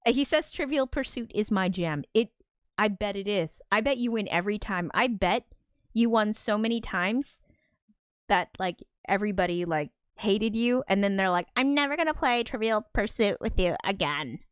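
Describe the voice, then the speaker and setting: A woman's voice: medium pitch, normal speed, smooth, no room sound, clean studio sound. A woman hosting a casual livestream, chatting loosely about an old film, reading out viewer comments and laughing often. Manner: reads out viewer chat comments. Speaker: livestream host.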